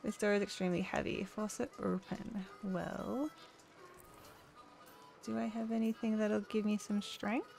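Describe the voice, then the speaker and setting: A woman's voice: medium pitch, level tone, a little slow, creaky, darkish tone, soft background music. A woman playing a game and reading its text aloud with a wry, chatty manner. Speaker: gamer.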